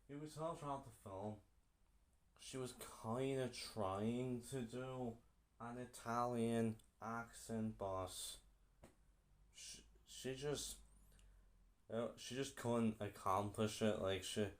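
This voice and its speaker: A young man giving a casual film review, halting and often repeating himself. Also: mid-range voice.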